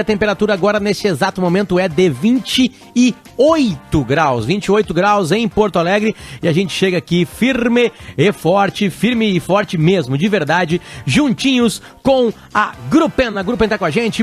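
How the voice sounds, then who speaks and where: High-voiced chatty male radio host. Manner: chatty, energetic, loud. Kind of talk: casual radio talk with live ad read. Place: radio studio.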